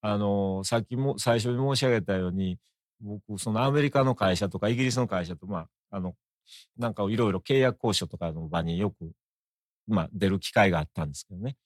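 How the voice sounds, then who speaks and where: A middle-aged man with an Osaka accent, a guest in a conversational interview, talking in a measured, reflective way. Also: lowish voice, dry recording, clean studio sound. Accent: Osaka Japanese.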